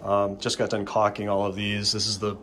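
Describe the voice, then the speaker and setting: Man, low voice, casual DIY narration, rambling, noisy garage recording. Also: a little fast. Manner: relaxed, rambling, frequent ums and uhs. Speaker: home renovation vlogger. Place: garage under renovation.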